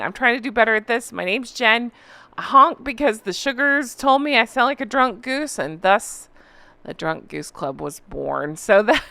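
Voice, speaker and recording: A woman hosts a celebrity gossip recap channel, chatting casually and opinionatedly with a sarcastic, mocking, exclamatory delivery. Her voice is fairly high, bright, and forceful, with no echo.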